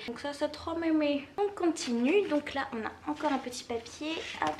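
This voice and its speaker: A woman's voice: on the high side, noisy background. A young woman from France chatting casually as she unboxes gifts, gushing and exclaiming often. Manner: gushing, excitable, quick exclamations. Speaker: book vlogger. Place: bedroom. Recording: echoey home room.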